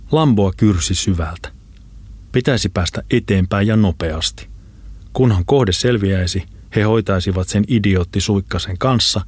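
Deep male narrator reading a crime novel, dry close sound. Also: husky, no echo. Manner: steady, measured reading. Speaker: audiobook narrator. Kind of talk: scripted narration.

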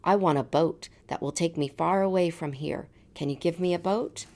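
A woman's voice: fairly low pitch, normal speed, dark tone, voice pushed up, natural voice. A woman reading a storybook, voicing a needy, self-centred boy with a plaintive manner. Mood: weary. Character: needy, self-centred boy who grows old and weary. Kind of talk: storybook read-aloud.

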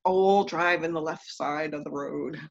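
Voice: mid-range voice, steady tone, measured pace, creaky, lo-fi sound, a crowd in the background. A podcast host in casual interview chat, talking loosely in rambling sentences and joking along.

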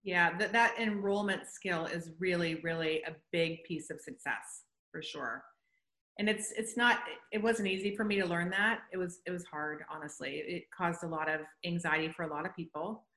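A woman's voice: fairly low pitch, moderate pace, sharp tone, echoey room. A woman in casual conversation as a guest, speaking in an earnest, reflective way about her business.

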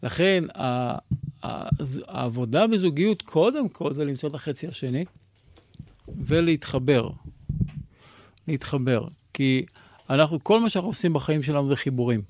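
Male rabbi guest, measured teacher's delivery, dry close studio voice. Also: a little high, lively intonation, darkish tone, no room sound. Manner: measured, teacherly, asks rhetorical questions. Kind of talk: explaining Kabbalah teachings.

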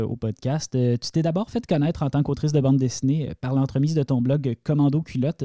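A man hosting a podcast, talking in a relaxed, conversational way with some hesitation. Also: mid-range voice, dry recording, studio quality. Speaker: podcast host. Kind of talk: casual interview talk.

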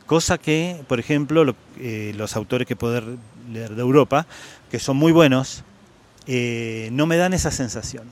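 A man in his sixties, a guest writer with an Argentine Spanish accent, reflects on the authors he loves while speaking at a book fair. His medium-pitched voice moves at a measured pace, and he leans on repeated words for emphasis along with plenty of hesitation sounds.

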